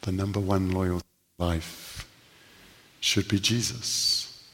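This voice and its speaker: A man preaching a sermon, telling stories earnestly with slow, emphatic pauses. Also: sits low, fairly even intonation, a bit bright, long reverb tail.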